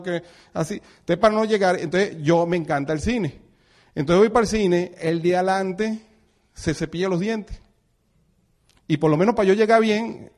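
Animated middle-aged Venezuelan man, higher voice. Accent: Venezuelan Spanish. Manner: animated, acts out dialogue, chuckles often. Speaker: network marketing speaker. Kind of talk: motivational talk to an audience.

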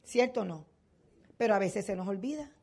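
A woman's voice: medium pitch, animated, fairly quick, darkish tone, breathy edge. An older woman giving a motivational seminar talk to a business audience. She asks rhetorical questions and then answers them herself.

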